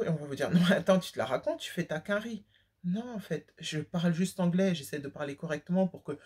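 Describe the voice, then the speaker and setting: A woman's voice: low voice, a little mellow, husky. A young woman from France talking candidly to her viewers in a casual vlog, emphatic and full of slang and fillers. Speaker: vlogger. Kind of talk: casual talk to camera.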